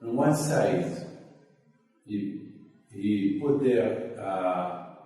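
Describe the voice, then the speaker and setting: A man's voice: lowish voice, lively intonation, very slow, warm tone. Man preaching from far off in an echoey hall. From Morocco. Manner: earnest, repetitive exhortation with Hebrew phrases. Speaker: rabbi. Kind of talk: sermon.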